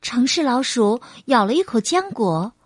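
A woman reading a children's story aloud in a gentle, unhurried way. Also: on the high side, sing-song, breathy edge, dry recording, studio quality.

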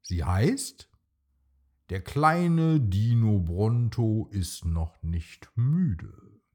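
Slow husky bedtime narrator, man. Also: fairly low pitch. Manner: slow, soothing, expressive reading. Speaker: storyteller.

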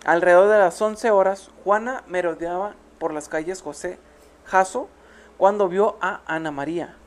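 A woman's voice: fairly low pitch, moderate pace. Mexican woman narrating true crime. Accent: Mexican Spanish. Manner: reads the case with playful asides. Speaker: podcast co-host.

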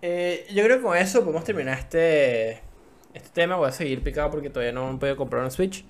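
Venezuelan podcast host steering the talk. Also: male voice, fairly high pitch, lively intonation, fast talker. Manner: steering the talk, wrapping up topics. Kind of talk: casual chat.

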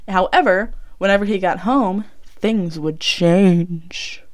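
Tucked into a small clothes closet to record indoors, a young adult woman who vlogs as a college student recounts a true crime case. She talks slowly at a medium pitch, rambling casually with plenty of fillers and self-corrections.

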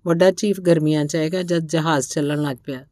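A woman voicing a calm, determined male traveller in a read-aloud story, speaking plainly. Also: sits low, normal speed, dry recording, clean studio sound, lightly acted.

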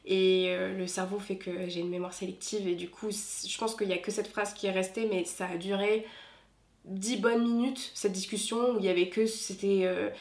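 A woman's voice: mid-range voice, level tone, normal speed, darkish tone. Woman in her twenties, echoey room. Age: 20s. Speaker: consultant sharing her experience. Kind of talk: testimony to camera.

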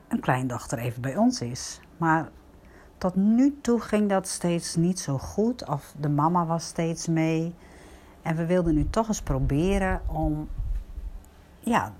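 An older woman, a grandmother, gently telling viewers a personal story in a reflective, casual way. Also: sits low, expressive, unhurried, slightly rough.

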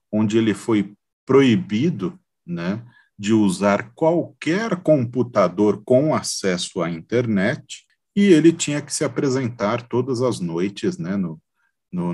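Husky, lowish Brazilian man explaining informally. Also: darkish tone. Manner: hesitant, searching for words, frequent tag questions. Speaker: podcast host.

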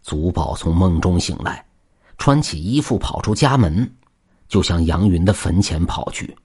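A man narrating a folk tale as a storyteller, in an expressive style that swings from quiet to lively. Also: sits low, a little slow, husky.

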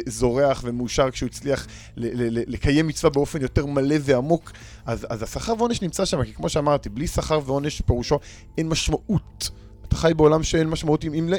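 A man's voice: medium pitch, vocal fry, a little mellow. A man, a panel guest and educator, speaking earnestly and restarting words as he searches for them. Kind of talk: reflective panel discussion.

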